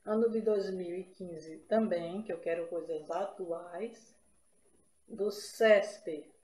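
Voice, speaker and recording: A woman's voice: lowish voice, takes it slowly, warm tone, echoey room, slight background noise. A woman from Brazil teaching an exam-prep grammar lesson, explaining step by step and checking in with her listeners.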